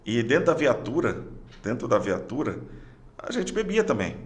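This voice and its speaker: Gravelly middle-aged Brazilian man, halting. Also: mid-range voice, very animated. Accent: Brazilian Portuguese. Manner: halting, repeats words and restarts phrases. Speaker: podcast guest, police sergeant. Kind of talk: personal testimony in casual conversation.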